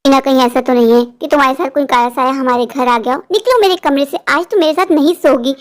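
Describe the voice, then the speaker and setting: A woman's voice: high voice, fast, natural voice. A woman doing a scolding elder sister. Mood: irritated. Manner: scolding, impatient. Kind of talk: animated horror story voice acting.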